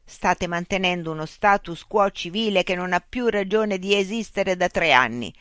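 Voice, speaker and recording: A man's voice: high voice, moderate pace, fairly bright tone, clear, resonant tone, dry recording, studio quality, pitched above the performer's own voice. A narrator voicing a frustrated man who argues with a machine in an exasperated, insistent way. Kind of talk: audiobook character voice.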